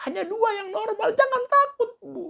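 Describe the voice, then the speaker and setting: A man's voice: very high-pitched, expressive, normal speed, vocal fry, bright, forceful tone, dull audio, voice pushed up, heavily acted. A man doing a sing-song soothing doctor. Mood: coaxing. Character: soothing hospital doctor calming a patient.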